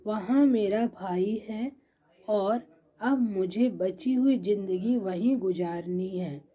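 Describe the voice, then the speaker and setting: A woman's voice: medium pitch, takes it slowly, husky. A woman voicing an angry, stubborn older mother-in-law who scolds and insists in a storybook tale. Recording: dull lo-fi recording.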